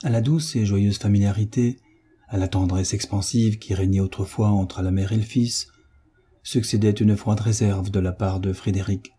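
Dark, husky male audiobook narrator. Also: lowish voice, fairly even intonation, normal speed. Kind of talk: audiobook narration of a classic novel.

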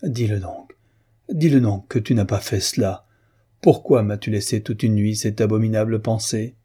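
A tormented, jealous young husband who swings between rage and tenderness, as the reader plays him. The voice is low, dark and husky. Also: male voice, unhurried. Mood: pleading. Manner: pleading, feverish.

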